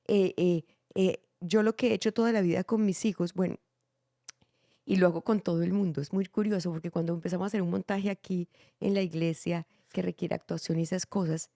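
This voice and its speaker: Middle-aged woman, podcast host and theater director, gravelly, animated storyteller, dry sound. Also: fairly low pitch, dry recording. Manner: animated, acts out quotes with shifting voices. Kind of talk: casual family podcast chat.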